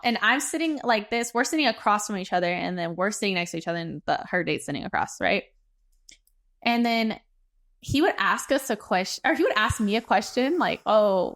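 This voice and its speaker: A woman hosting a mukbang, telling a story in an animated way, swearing and acting out what people said. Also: a little high. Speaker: mukbang host. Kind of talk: casual storytelling over a meal.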